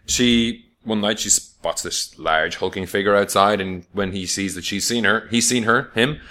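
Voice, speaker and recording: A man's voice: fairly low pitch, moderate pace, bright, forceful tone. A man co-hosting a film podcast, reviewing in casual chat with dry, sweary humour.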